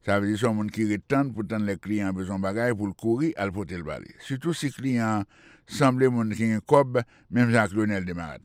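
A man's voice: lowish voice, fairly quick, dry recording, studio quality. A man hosting a radio language lesson, patiently repeating phrases and spelling words out letter by letter. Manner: explanatory and patient. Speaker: English teacher and radio host.

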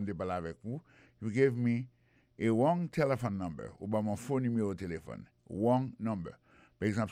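A man's voice: fairly low pitch, a little mellow, dry recording, studio quality. A man with a Haitian Creole accent teaching English phrases on a radio lesson, explaining each one and spelling words out. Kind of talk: bilingual radio language lesson.

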